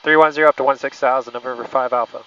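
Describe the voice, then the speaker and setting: A man's voice: medium pitch, steady tone, very fast, pushed and bright, slight background noise. A man working as a pilot, making clipped checklist callouts and radio calls over a pilot headset. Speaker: pilot in the cockpit. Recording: dull cockpit headset intercom.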